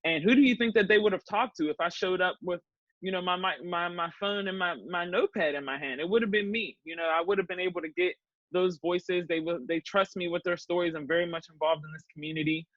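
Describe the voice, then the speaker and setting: A woman's voice: fairly low pitch, fast, no room sound, lo-fi sound. A woman from Pittsburgh, a newspaper journalist, speaking earnestly and emphatically in a panel discussion, often repeating words as she builds a point.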